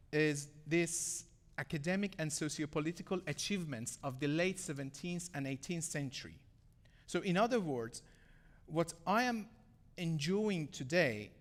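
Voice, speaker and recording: A young Iranian man, an English speaker, gives a measured, earnest talk with frequent pauses. His voice sits fairly high for a man, and a long reverb hangs on it from a large hall. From Iran. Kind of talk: prepared public talk.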